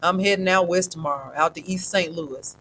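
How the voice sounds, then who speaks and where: A woman voicing an old homeless man who speaks in a slow, folksy, wry way. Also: lowish voice, a bit bright, a little hiss or hum, close to an everyday voice, low-quality recording.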